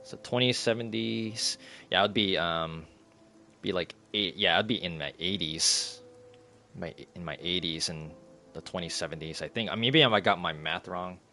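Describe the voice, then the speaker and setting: Thirties male streamer, loose chatty talk, frequent laughs, fairly low pitch. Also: normal speed, pushed and bright, soft background music. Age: 30s. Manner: rambling, laughs often, reads chat aloud. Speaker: live streamer. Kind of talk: casual live-stream chat.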